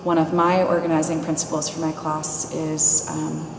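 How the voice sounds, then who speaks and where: A woman with a somewhat low voice reflects on her teaching, thinking aloud and hunting for words. She is far from the mic in a reverberant hall with noticeable background noise. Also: completely flat delivery, moderate pace. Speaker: dance teacher. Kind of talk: interview reflection. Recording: echoey hall, distant, noisy.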